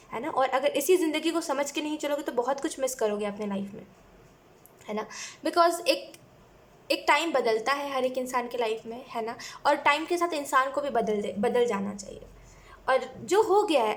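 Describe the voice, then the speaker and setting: High-voiced woman giving a chatty tarot reading. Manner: chatty, mixes English phrases, repeats "है ना" and "you know". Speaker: tarot reader. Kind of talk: casual tarot reading talk.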